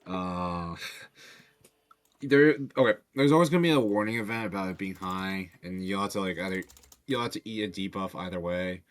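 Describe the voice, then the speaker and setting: A very low-pitched man rambles casually as a mod developer on a stream. His talk is loose and full of fillers, and he swears freely. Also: normal speed.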